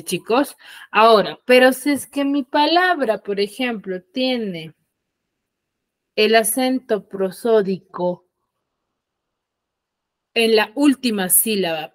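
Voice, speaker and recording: A secondary school language teacher, a woman with a slightly high voice, runs an online class through her computer mic on a video call, with no room sound. She explains things patiently and keeps checking that students are following with quick little questions.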